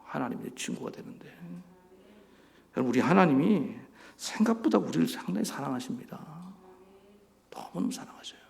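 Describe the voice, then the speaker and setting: A man preaching a sermon as a pastor, animated, acting out voices and asking the congregation questions. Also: medium pitch, a little fast, vocal fry. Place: church sanctuary. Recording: church hall reverb.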